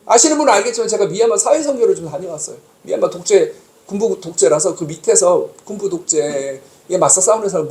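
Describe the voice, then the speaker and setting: Male pastor in his 50s, quick lively delivery with big pitch swings, exasperated storyteller, echoey church hall. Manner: animated, exasperated storytelling to the congregation. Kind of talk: sermon. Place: church sanctuary.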